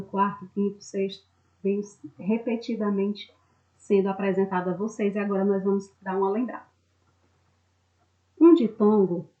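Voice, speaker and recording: A woman teacher from Brazil walks her pupils through a lesson at a steady, patient pace, checking in often and posing their questions aloud herself. Her voice sits in a middle register. The recording is slightly muffled and lo-fi. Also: mid-range voice. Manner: patient, explains step by step with frequent check-ins. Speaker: Portuguese teacher. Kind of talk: recorded online class lesson. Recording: slightly dull lo-fi audio.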